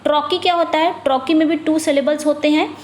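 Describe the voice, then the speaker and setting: A woman with an Indian accent teaching an exam-prep English lesson. She asks her own questions and answers them, reads questions slowly and drops low on each answer. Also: fairly even intonation, darkish tone, reverberant.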